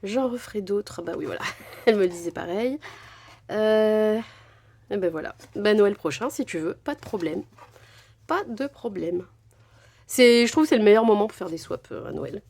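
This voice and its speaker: A woman's voice: mid-range voice, expressive, moderate pace, pauses often, darkish tone, slight background noise. Woman vlogger, casual unboxing chat, effusive, lots of fillers. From France. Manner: chatty, gushing, many fillers. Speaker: crafting vlogger.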